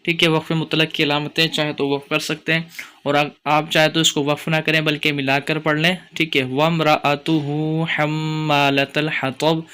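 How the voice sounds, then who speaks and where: A man with a Pakistani Urdu accent teaching Quran recitation rules, explaining each point and chanting verses slowly. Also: fairly high pitch, flat delivery, sharp tone, clear, resonant tone. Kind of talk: tajweed lesson with chanted recitation.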